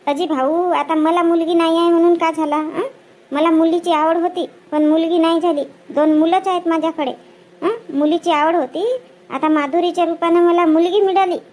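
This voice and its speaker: Woman acting as a fussy village auntie, very high voice, brisk, bossy. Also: fairly even intonation, darkish tone. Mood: reassuring. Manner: brisk, bossy, full of questioning "hm?" tags. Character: chatty village woman at a wedding, bossy and fussing. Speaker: wedding guest in a comedy skit. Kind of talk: village comedy skit acting.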